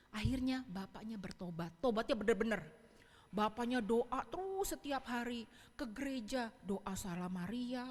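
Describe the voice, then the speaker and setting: Lively high-voiced woman preaching. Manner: lively, addresses audience directly, acts out quoted voices. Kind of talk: animated sermon with storytelling. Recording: reverberant hall.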